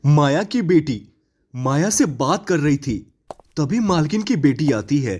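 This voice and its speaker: Expressive man narrating a storybook. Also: fairly high pitch, a little slow.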